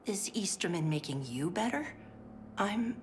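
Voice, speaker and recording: A sugary, overly polite 1950s woman clinic worker, chirpy but fraying, strained and pill-addled, often whispering, is played by an actress in scripted game voice lines. The lightly acted read has a frayed mood, a medium pitch, and an unhurried pace, with steady noise in the background.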